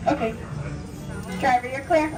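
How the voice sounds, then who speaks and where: High woman over an echoey outdoor loudspeaker. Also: unhurried, recorded from a distance, over loud music. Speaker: tram operator. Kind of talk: live operational call over a PA. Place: outdoor tram stop.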